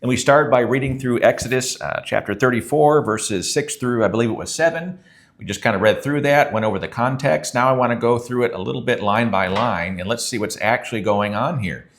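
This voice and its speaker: A man's voice: mid-range voice, a little fast. A man who is a pastor, teaching a sermon in an earnest, conversational way and reading scripture aloud.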